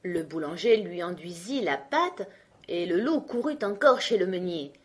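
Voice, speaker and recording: A woman narrating a fairy tale for a children's audiobook, in an expressive, clear storytelling way. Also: lowish voice, normal speed.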